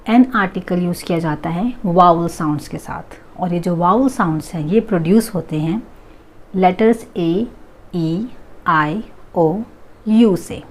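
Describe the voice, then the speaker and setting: A woman teaching an English grammar lesson, drawing out each example phrase slowly and clearly. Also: lowish voice, darkish tone. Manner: slow, drawn-out example phrases.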